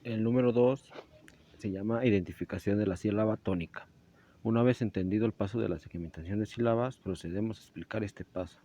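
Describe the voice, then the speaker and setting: In a dull, lo-fi recording, a young male student narrates a school presentation, walking through it step by step with small slips and self-corrections. His voice is fairly low, brisk and mellow.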